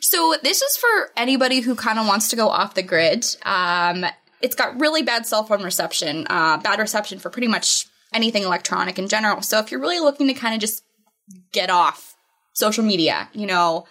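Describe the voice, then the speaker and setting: A woman's voice: mid-range voice, animated, fairly quick, pushed and bright. A woman from the United States co-hosting a podcast in casual chat, giggly and stumbling over unfamiliar place names. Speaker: podcast co-host.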